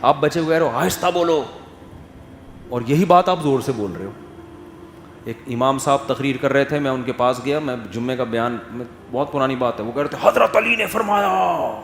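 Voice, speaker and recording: A man giving an Islamic sermon, swinging from emphatic questions to soft, quiet asides. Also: medium pitch, slight background noise. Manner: animated, rises to emphatic questions, drops to soft quotes. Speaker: Islamic scholar giving a talk. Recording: echoey hall with faint ambience.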